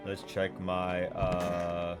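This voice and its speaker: A man hosting a gaming video, thinking out loud in casual, slangy let's play commentary. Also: sits low, completely flat delivery, very slow, over music.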